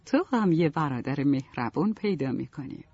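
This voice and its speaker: Woman playing a soft-spoken middle-aged mother, husky voice, dull dry lo-fi storybook audio. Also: low voice, lively intonation, dry recording, exaggerated voice. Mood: motherly. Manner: gentle, motherly.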